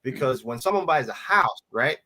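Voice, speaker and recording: A man in his thirties from the Dominican Republic, speaking as a guest financial advisor in a casual interview, in a relaxed way, often repeating words and asking "right?". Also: medium pitch, moderate pace, poor audio. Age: 30s. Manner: relaxed, repeats words while thinking, asks rhetorical "right?".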